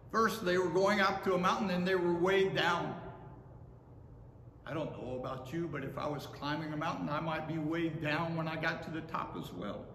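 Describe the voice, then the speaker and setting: Slow, echoing pastor preaching in empty church. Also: male voice, fairly high pitch, a bit bright. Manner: measured, deliberate preaching with gestures at a pulpit. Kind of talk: sermon. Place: large empty church sanctuary. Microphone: far camera. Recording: echoey hall, faint room hum.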